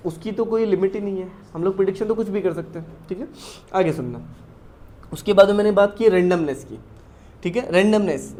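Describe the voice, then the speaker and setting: A man with an Indian accent teaching a maths lesson. He explains step by step, reads English definitions slowly and keeps asking his students if it is clear. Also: high voice, dark tone. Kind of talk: classroom lecture mixing Hindi and English.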